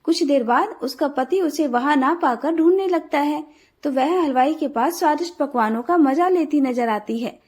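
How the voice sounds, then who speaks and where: A woman narrating a scripted devotional folk tale in a steady, earnest storytelling manner. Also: high voice, moderate pace. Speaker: storyteller, channel host.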